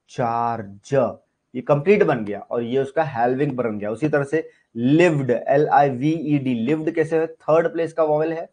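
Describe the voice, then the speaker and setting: Husky Indian man teaching a class. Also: mid-range voice, darkish tone. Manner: explains step by step, often asks and answers his own questions. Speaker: shorthand teacher. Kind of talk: online class lecture in Hindi-English mix.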